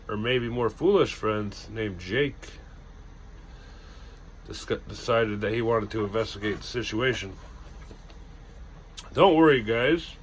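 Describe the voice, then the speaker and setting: A man's voice: lowish voice, fairly bright tone, slight background noise. A man hosting a ghost story channel, telling a tale casually with loose self-corrections and dramatic emphasis. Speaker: storyteller host.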